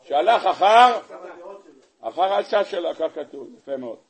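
A rabbi with a husky, slightly breathy voice delivers a sermon, retelling the scripture story with lively, animated flair. He keeps turning to his listeners with rhetorical questions. His voice sits high for a man. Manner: animated storyteller, acting out the scenes; asks the audience rhetorical questions. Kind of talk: weekly Torah portion sermon.

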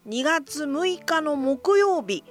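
A woman's voice: high-pitched, sing-song, slow, faint music behind. A middle-aged woman hosting a solo voice blog, speaking very polite honorific Japanese like a shopkeeper greeting customers. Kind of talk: free-talk radio-style monologue.

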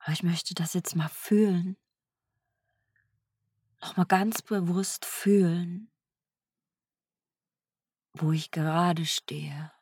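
A woman speaking softly in an introspective self-dialogue, searching for words and often sinking into a whisper. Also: on the low side, steady tone, slow, long pauses, breathy edge, dry recording, clean studio sound. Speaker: energy healer.

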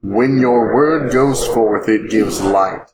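A man's voice: medium pitch, slow, background noise. A man's voice among a congregation, reading psalm responses together with the group.

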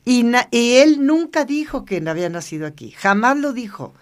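An older woman, a guest in an interview, telling stories in a lively way, often laughing and acting out quoted dialogue. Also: on the high side, normal speed. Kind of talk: casual storytelling interview.

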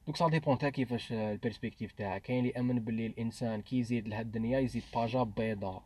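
In a casual podcast discussion, a man with an Algerian accent works through ideas aloud, switching between Arabic and French and restarting his sentences as he thinks. His medium-pitched voice is darkish and he speaks very fast.

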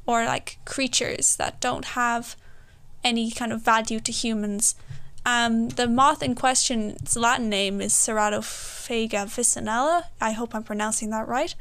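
A woman's voice: fairly high pitch, a bit bright, clear, resonant tone. A nineteen-year-old woman with a west of Ireland accent, a poet reciting her work and talking about it. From Galway, Ireland. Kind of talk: poetry recitation and personal introduction.

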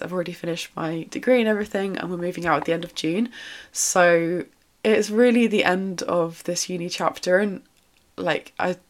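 A woman, chatting casually and upbeat as the host of her own solo podcast, with a lingering cough in her throat. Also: on the low side. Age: 20s. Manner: chatty, upbeat, lots of fillers and little laughs.

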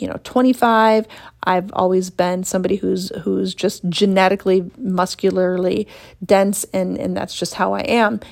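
A woman's voice: medium pitch, gravelly, darkish tone. Blunt, passionate woman in her fifties. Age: 50s. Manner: blunt, passionate, swears casually, sighs in exasperation. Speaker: women's health and fitness coach. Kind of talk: casual monologue to camera.

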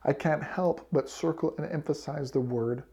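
Earnest gravelly man teaching scripture. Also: on the high side, moderate pace, dark tone. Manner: earnest, reflective, reads quotes aloud. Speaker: scripture study podcast host. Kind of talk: devotional scripture lesson.

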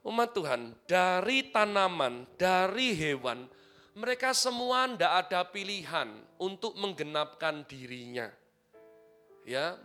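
A man preaching a sermon, his voice high and bright. He swings from soft, quiet asides into loud, emphatic bursts. Faint music plays behind him. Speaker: pastor.

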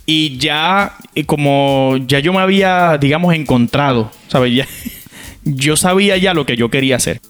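A man with a Puerto Rican accent telling a comic story from his school days in a playful, animated way. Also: a little high, a little slow, clean tone, soft background music. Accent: Puerto Rican Spanish. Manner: animated, playful, acts out characters.

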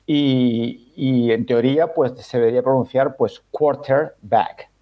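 A man's voice: mid-range voice, steady tone, measured pace, highs cut off. A man on a football podcast panel, explaining things patiently in casual chat, often ending with tag questions. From Spain. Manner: explains patiently, many filler "no?" tags.

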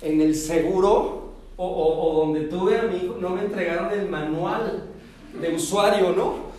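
A man giving a lively talk to an audience, asking them questions and acting out little scenes. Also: sits high, measured pace. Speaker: speaker giving a talk on forgiveness. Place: large hall before an audience. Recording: echoey hall, voice from far off.

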